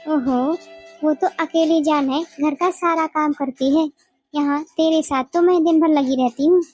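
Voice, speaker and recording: A woman's voice: sits high, steady tone, a little slow, a little mellow, faint music behind. A woman voicing a bossy, scolding mother-in-law in a family cartoon. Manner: nagging, scolding.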